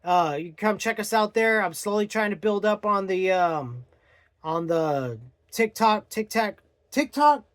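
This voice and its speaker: A young man with a fairly high voice chats through a book review in a loose vlog style. He rambles, restarts his sentences and fumbles for names as he goes. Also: a little slow, a bit bright. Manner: rambling, searches for words, many fillers.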